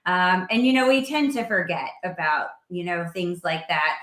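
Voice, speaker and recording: A woman hosting a casual interview, chatty and filling pauses with ums. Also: fairly low pitch, lively intonation, a bit bright, echoey room. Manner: chatty, with frequent fillers. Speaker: host.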